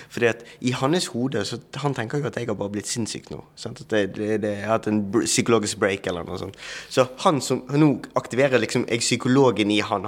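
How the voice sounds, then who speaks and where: A man, a talk-show guest, telling his story in an animated way with many fillers and restarts. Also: mid-range voice. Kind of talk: testimony in a talk-show interview.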